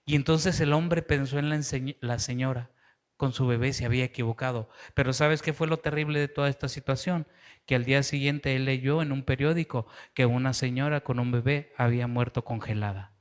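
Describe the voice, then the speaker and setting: A man's voice: mid-range voice, steady tone, brisk. A man with a Mexican accent, a pastor preaching a sermon and telling a story with acted-out voices. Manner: earnest preaching, acts out quoted voices in the story.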